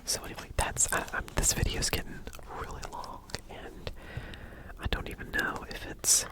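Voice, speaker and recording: The soft whisper of an ASMR host comes slowly and haltingly, with the relaxed feel of someone sharing things casually with an audience.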